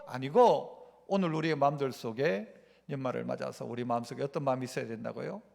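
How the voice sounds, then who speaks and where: A man's voice: medium pitch, quick pace, gravelly, a little mellow. A male pastor preaching a Sunday sermon, throwing rhetorical questions at the congregation. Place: church sanctuary. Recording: long church-hall reverb.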